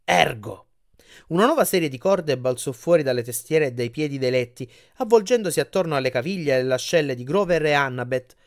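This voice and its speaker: A man reads an audiobook chapter aloud with expressive delivery. His pitch moves in a lively, varied way. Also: fast, hardly any pauses. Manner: expressive reading. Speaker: audiobook reader. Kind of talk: audiobook reading.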